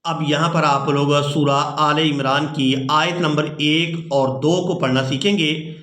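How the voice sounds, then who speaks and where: A male recitation teacher walks through each rule patiently and repeats it so learners can follow. His voice sits high and bright, and he speaks at an unhurried pace. The recording has a roomy echo around it. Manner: patient, explains rules repeatedly. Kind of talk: step-by-step recitation lesson.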